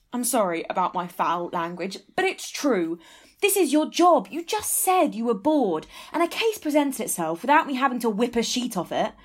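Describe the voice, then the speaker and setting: Woman acting keen young female sidekick detective, earnest n expressive, comedy audio play, bit of music behind. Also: on the high side, normal speed. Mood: exasperated, insistent. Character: eager, punning young female trainee detective, sensitive and forthright. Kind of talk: comic audio drama acting.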